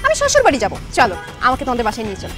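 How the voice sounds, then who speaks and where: An actress playing a stubborn young bride who talks fast and insists on getting her way, in a comic TV drama. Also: sits high, wildly swooping pitch, faint music behind. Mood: insistent. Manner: insistent, bossy, quick.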